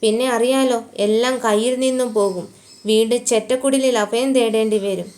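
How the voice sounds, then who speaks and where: A woman's voice: on the high side, fairly even intonation, normal speed, a little mellow, close to an everyday voice. A woman voicing a scheming middle-aged uncle who scolds harshly in private and speaks sweetly in company, in a storybook reading. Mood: harsh scolding.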